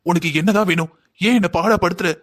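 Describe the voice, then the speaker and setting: A voice actor playing an agitated elder sister in a cartoon, scolding and confronting. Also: female voice, fairly low pitch, fast, natural voice. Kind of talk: cartoon voice acting.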